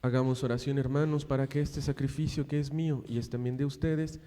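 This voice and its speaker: Mellow priest in a cathedral-like echo. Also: male voice, medium pitch, level tone, brisk. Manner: solemn, formal. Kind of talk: liturgical prayer recitation. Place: large reverberant church. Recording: echoey church with long reverb.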